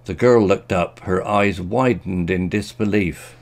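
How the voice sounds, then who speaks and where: A man with a low, deep voice reads a children's story aloud. His delivery is gentle and expressive, and he lifts his voice for the characters' lines. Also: a little slow.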